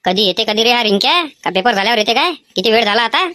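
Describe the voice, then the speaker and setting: A woman's voice: a little high, expressive, fast talker, background noise, lightly acted. A woman voicing a cheeky schoolboy trying to cheat on an exam, pleading and whining in a Vidarbha Marathi accent. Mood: mischievous. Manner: whiny, pleading, mischievous. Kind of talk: animated cartoon voice acting.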